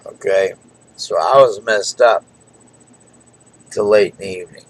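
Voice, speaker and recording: A man's voice: fairly low pitch, unhurried, rough recording. A tired middle-aged man talking casually in a rambling, folksy way late at night. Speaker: vlogger.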